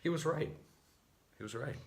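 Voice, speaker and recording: A man from New England giving a slow, deliberate spiritual monologue to his viewers, moving between lively and hushed passages. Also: on the high side, gravelly. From New England, United States. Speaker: vlogger.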